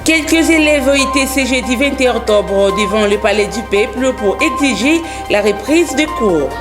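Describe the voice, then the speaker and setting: A woman's voice: fairly high pitch, lively intonation, loud music behind the voice. Woman reading the news. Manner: formal, measured delivery. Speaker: news anchor.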